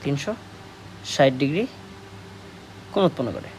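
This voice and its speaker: A man with a Bangladeshi Bengali accent tutoring a math class, speaking slowly, repeating key words and answering his own questions. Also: mid-range voice, lively intonation, darkish tone, slight background noise. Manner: slow, repetitive, asks questions and answers them. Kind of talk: classroom lesson explaining at a board.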